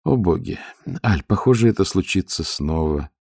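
A man voicing a calm male ruler with a dry, ironic manner. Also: low-pitched, moderate pace, creaky, breathy edge, no room sound, heavily acted. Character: cool, dry-witted city ruler, man.

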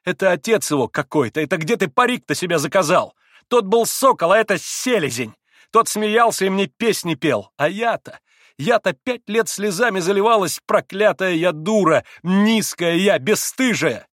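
A man voicing a shrill, bitter young woman. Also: lively intonation, normal speed, fairly bright tone, no echo, clean studio sound. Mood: bitter anguish. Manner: shrill, self-lashing outbursts.

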